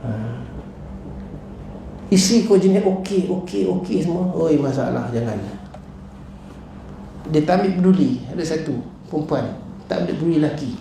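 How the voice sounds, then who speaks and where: Gravelly, animated Malaysian preacher man. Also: on the high side, normal speed, long pauses. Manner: animated storytelling, acts out his wife and callers. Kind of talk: lively mosque talk. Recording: echoey hall with faint noise.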